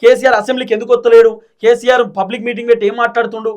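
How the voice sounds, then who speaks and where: A man's voice: very high-pitched, level tone, very fast, darkish tone. A man with a Telangana Telugu accent giving a combative political commentary monologue, firing off rhetorical questions. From Telangana, India. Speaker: political commentator, channel host.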